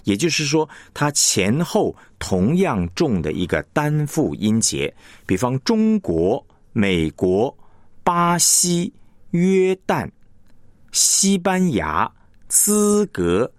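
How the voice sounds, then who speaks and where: Male radio tutor, low voice that leaps up on stressed words, dry booth sound. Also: no echo. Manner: demonstrates word stress with emphatic example words. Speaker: radio broadcasting instructor. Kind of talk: radio lesson on announcing technique.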